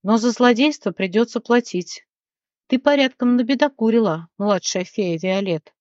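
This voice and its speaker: Stern grave high fairy, measured speech, read by a woman narrator; dry muffled storybook recording. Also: a little mellow, no room sound, close to an everyday voice.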